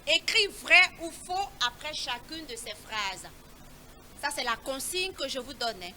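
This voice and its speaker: A woman leading a children's Bible riddle quiz, reading each clue slowly and repeating it in a coaxing way. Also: high-pitched, pushed and bright.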